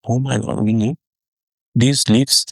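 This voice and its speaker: A man in his thirties giving an explanatory tech talk, conversational with restarts and fillers, getting animated as he explains. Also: takes it slowly, vocal fry, slightly rough, no echo. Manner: animated, rising pitch when excited.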